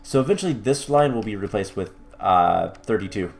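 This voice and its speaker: A man with a fairly low, gravelly, animated voice hosts a game let's-play at normal speed, casually commenting on his building as he goes. He thinks aloud with fillers and restarts, corrects himself, and drops the odd mildly wry aside.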